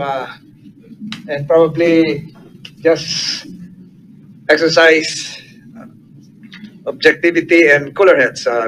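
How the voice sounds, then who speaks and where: A man's voice: fairly high pitch, a bit bright, a little hiss or hum, poor audio. A Filipino man chairing a hearing, asking formal questions politely with hesitant fillers. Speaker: committee chair. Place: senate hearing room.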